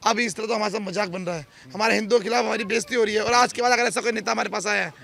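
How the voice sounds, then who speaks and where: A man from the neighborhood making an angry complaint in a street interview. His voice is very high and bright, and he rushes through his words with heated insistence. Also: fairly even intonation, gravelly. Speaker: local resident.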